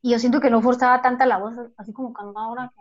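A woman with a Guatemalan Spanish accent reminisces in casual conversation, sprinkling her speech with tags like "va" and "vos." Her voice is a little high with fairly even intonation and a very fast pace, and the audio sounds dull.

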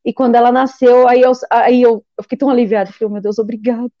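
Fast, high-voiced woman giving testimony. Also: no echo, muffled recording. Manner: animated, acts out quoted voices and prays aloud. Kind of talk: emotional personal testimony.

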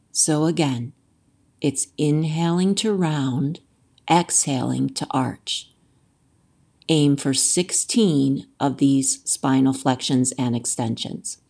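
Yoga instructor, woman, low register, unhurried pace, gentle and measured guided-practice delivery. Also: vocal fry, husky. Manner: gentle, measured, soothing guidance with pauses.

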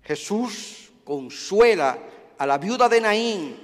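Impassioned high-voiced male preacher, echoing hall. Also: animated, slow. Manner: impassioned, swinging between loud declarations and hushed tones. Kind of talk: sermon. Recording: long reverb of a large hall.

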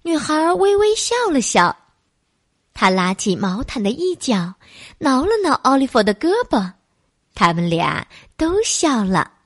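A woman reads a bedtime story to a little child, softly coaxing and calling the listener baby. Her voice sits high and swoops up and down in a lively sing-song. The sound is dry and close. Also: a little slow, no room sound.

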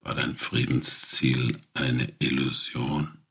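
A man voicing a wise, kindly old male stork in a storybook reading, with a gravelly, husky voice. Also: extremely low pitch, level tone, slow, a bit bright, exaggerated voice.

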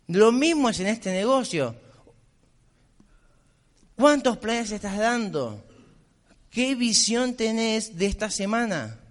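High-voiced mentor, blunt and insistent, long hall reverb. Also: male voice, sing-song, slow, long pauses. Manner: blunt, insistent, repetitive exhortation. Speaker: business mentor. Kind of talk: motivational speech.

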